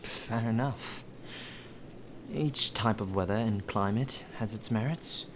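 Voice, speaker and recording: Speaking slowly in a lowish voice, a man acts out a polite, deferential butler for an ASMR roleplay aimed at the listener. The well-spoken, appreciative character chats courteously in formal, flowery language, with rain ambience and clear background noise behind him.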